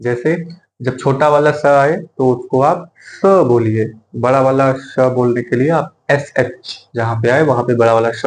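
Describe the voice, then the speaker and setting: Slow, patient male teacher spelling words. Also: mid-range voice. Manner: slow, repeats words and spells them out letter by letter; checks in with "okay?" after each point. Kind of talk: vocabulary lesson. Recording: echoey room with faint noise.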